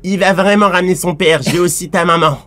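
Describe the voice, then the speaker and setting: A man's voice: sits high, brisk, bright, forceful tone. A man voicing a lewd, taunting anime villain in a comic improvised dub, crude and teasing in a familiar way.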